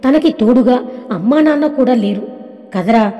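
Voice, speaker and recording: A woman's voice: on the high side, expressive, normal speed, mellow, natural voice. A woman voicing a fond, scolding mother-in-law. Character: caring older mother-in-law, affectionate and scolding. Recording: long reverb.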